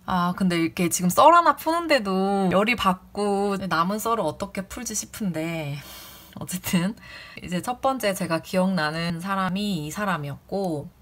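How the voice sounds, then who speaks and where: Woman telling an indignant story. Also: on the low side. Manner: indignant, acts out quoted people in raised voices. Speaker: former community office clerk. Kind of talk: casual personal storytelling.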